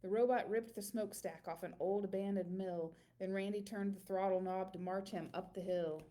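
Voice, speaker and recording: Her voice sits in the mid range as she performs a children's picture book, reading with vivid storytelling flair, dramatic emphasis and elongated words.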